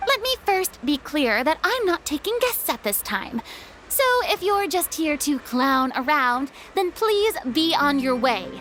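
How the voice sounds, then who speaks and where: Furina, a high-pitched haughty diva. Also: female voice, very animated, a little slow, a bit bright, slight background noise, exaggerated voice. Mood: indignant. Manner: theatrical, haughty, indignant, formal wording. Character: haughty, dramatic former archon, a proud retired stage diva. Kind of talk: video game voice acting. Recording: background music under clean studio dialogue.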